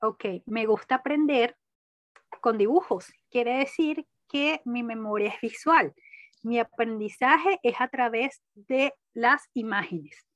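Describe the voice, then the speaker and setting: A young woman telling a personal story in conversation, animated, laughing often and acting out her own inner voice. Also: a little high, slow, dry recording, lo-fi sound. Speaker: guest.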